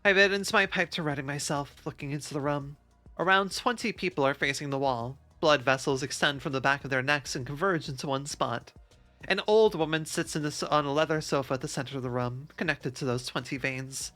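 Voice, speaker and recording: A streamer narrating a game story live with a bright, forceful tone and mid pitch. Reads steadily, but laughs and jokes between lines. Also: fairly quick, faint music behind. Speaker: streamer reading and voicing a game.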